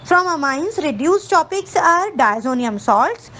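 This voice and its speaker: A woman's voice: high-pitched, very animated, drawn-out words, a bit bright, rough recording. A woman teacher with an Indian English accent, going through chemistry topics one by one, mixing Hindi and English and speaking directly to students. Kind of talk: syllabus walkthrough lesson.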